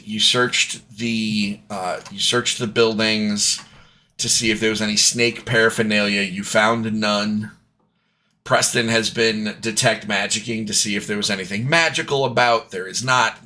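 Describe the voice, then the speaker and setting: A man running a tabletop game as dungeon master over a voice call, narrating in a halting, playful way with many fillers. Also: medium pitch, bright, forceful tone. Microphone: voice call mic.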